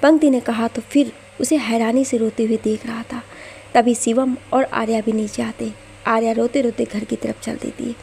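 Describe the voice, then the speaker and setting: A woman narrating an emotional family story in a steady, expressive reading. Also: on the high side, normal speed, gravelly, a little hiss or hum.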